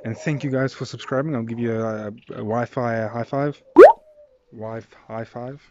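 A young South African man in his twenties chats casually in an outdoor daily vlog, filmed on a phone held at arm's length in a residential yard. He rambles in a friendly way with lots of fillers, his voice medium-pitched and darkish, with fairly even intonation, normal speed and no echo. The phone recording is slightly dull.

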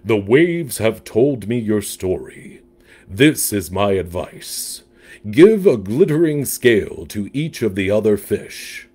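A man doing a deep, slow mysterious octopus. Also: big pitch swings, a little mellow, breathy edge, full character voice. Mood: solemn. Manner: slow, solemn. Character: mysterious, solemn male octopus hermit.

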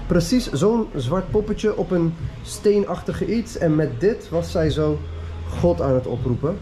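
A young man excitedly narrating a walking tour of a street to his viewers, filmed on a handheld action camera outdoors. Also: on the high side, measured pace, soft background music. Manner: enthusiastic, chatty, addresses viewers directly. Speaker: vlogger, tour guide. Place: outdoor narrow city street with murals, walking.

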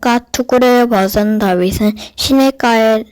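A woman's voice: a little high, moderate pace, a little mellow, clear, resonant tone. A woman narrating a scripted Bible story for children.

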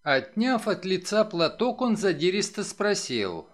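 A man narrating a novel as an audiobook, in a dramatic, expressive reading. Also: sits high, measured pace. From Ukraine. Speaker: audiobook reader.

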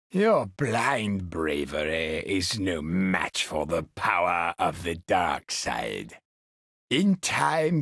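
A man playing a sinister, gloating old emperor in a video game, with a raspy, croaking voice and a menacing, theatrical drawl. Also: sits low, a bit bright, no echo, studio quality, heavily acted. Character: sinister, gloating old male galactic emperor, cruel and imperious. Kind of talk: video game villain acting.

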